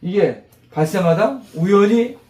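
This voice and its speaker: Animated man teaching vocabulary in class. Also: high-pitched, unhurried. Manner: animated, quizzes the class, drills repetition. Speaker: pharmacist teaching English vocabulary. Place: classroom with a group of mothers. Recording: roomy classroom echo.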